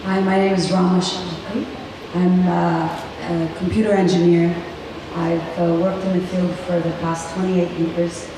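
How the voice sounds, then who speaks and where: A woman's voice: fairly low pitch, flat delivery, unhurried. A woman in her fifties, an engineer and entrepreneur, speaking steadily and earnestly on a panel. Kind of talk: panel answers. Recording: echoey hall, mic far, noisy.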